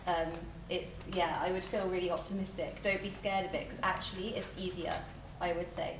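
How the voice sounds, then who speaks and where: Young woman panelist, lowish voice, laughy and frank, far mic. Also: flat delivery, moderate pace. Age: 20s. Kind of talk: panel discussion. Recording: echoey hall, mic far off, noise.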